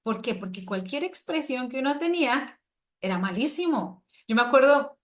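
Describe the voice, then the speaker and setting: A middle-aged woman, preaching a sermon to a women's group with lively, animated emphasis. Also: high voice, normal speed. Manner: lively, rising to animated emphasis when acting out quotes.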